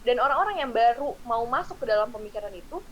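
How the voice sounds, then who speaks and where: A woman's voice: on the high side, animated, fairly bright tone, slight background noise, low-quality recording. A 19-year-old woman with a Jakarta slang accent, a podcast guest explaining her views earnestly. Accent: Jakarta slang Indonesian. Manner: quick, earnest, explains her opinions at length. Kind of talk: casual chat.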